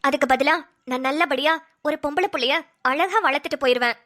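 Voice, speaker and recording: A gentle pregnant young wife from a family cartoon who answers quietly and politely, as a woman voices her a little lower than her own voice. Her tone is soft and bright. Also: fairly quick. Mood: meek. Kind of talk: cartoon voice acting.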